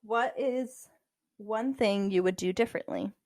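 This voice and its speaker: A woman's voice: mid-range voice, measured pace, no echo. Chatty young woman, dry close mic. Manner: animated, filler-heavy, lots of "like". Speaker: podcast co-host. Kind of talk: casual podcast chat.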